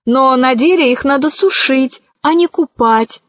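A woman reading the lines of a brisk, commanding female bird-creature scientist in a storybook, with sharp, curt speech. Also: high-pitched, no echo.

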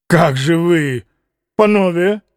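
A man's voice: fairly high pitch, takes it slowly, smooth, dry recording, clean studio sound. A man reading aloud as an impulsive young man, exclaiming eagerly. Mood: excited. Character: impulsive excitable young man toasting loudly.

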